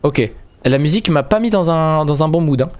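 A young man hosting a video game playthrough in casual commentary, excitable and stumbling over his words. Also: a little high, fairly quick. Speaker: gaming video host. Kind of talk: casual let's-play commentary.

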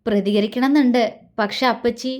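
A woman voicing a timid young orphan woman who speaks softly and sadly. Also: a little high, fairly even intonation, fairly quick, close to an everyday voice. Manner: soft, subdued.

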